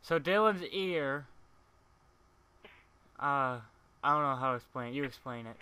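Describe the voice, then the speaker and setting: A man's voice: medium pitch, lively intonation, measured pace, sharp tone, clean tone, no echo. A man chatting casually and teasing his friends while playing a block-building game, swearing freely. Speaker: let's play gamer. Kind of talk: casual gaming chat.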